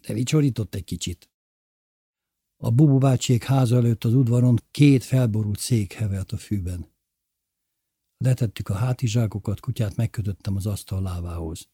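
A man reading a story aloud as narrator, in a measured storytelling manner. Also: medium pitch, mellow, breathy edge, dry recording, clean studio sound. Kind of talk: audiobook narration.

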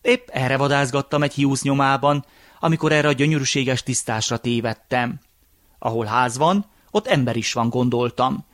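A man's voice: medium pitch, a bit bright, close to an everyday voice. A man voicing a curious young hunter who talks in a sly, playful way.

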